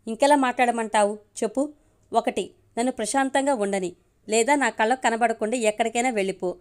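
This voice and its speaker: A woman's voice: a little high, fairly quick, lightly acted. A woman voicing a stern young woman doctor who speaks in a cutting, scornful way, in an audio story.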